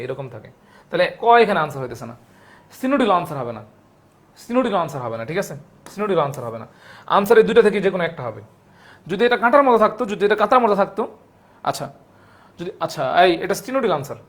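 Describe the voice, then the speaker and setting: A young man from Bangladesh teaching a live online biology class, going through exam questions, repeating each point several times and calling out viewers' names from the comments. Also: high-pitched.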